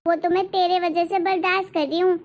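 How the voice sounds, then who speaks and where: A woman's voice: very high-pitched, little pitch movement, fairly quick. A woman voicing a stern old grandmother who scolds her granddaughter and favors her grandson. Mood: scornful. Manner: harsh, scolding. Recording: dull lo-fi recording.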